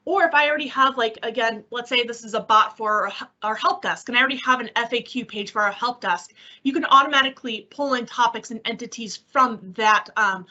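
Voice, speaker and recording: On an online call, a woman presenting technical material explains a product in a conversational webinar, sounding informal, upbeat and encouraging. Her voice is fairly high, pushed and bright, and she talks a little fast. The audio has the slightly dull quality of an online meeting.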